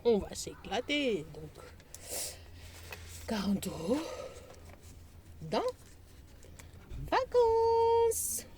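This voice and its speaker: A woman speaks in a slow, unhurried, mellow voice, chatting to her viewers with plenty of small hesitations. Now and then she slips into a playful, teasing sing-song. Faint outdoor noise sits behind her on the balcony. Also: fairly low pitch. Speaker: budgeting vlogger. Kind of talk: casual chat to viewers.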